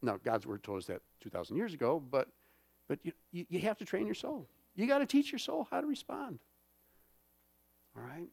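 A pastor with a slightly high voice that's creaky, a bit mellow and slightly rough preaches in a sing-song way at a moderate pace. His church sermon is conversational, dotted with fillers and check-ins with the congregation, and there's no echo.

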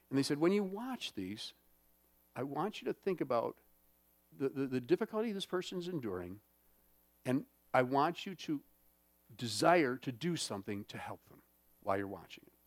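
This pastor has a mid-range voice and is recorded with no room sound. He preaches his church sermon conversationally, with many fillers and frequent check-ins with the congregation.

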